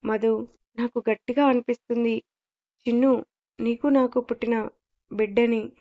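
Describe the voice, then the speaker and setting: Bossy young lover, teasing then domineering, as a woman reads him, slightly high, flat delivery, dull lo-fi sound. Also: lightly acted. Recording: dull lo-fi audio.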